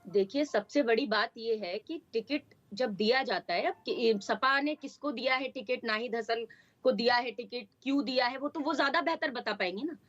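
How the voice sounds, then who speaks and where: A woman's voice: fairly high pitch, normal speed, highs cut off. A woman speaking as a party spokesperson in a heated TV news debate, insistent and argumentative, talking over the others.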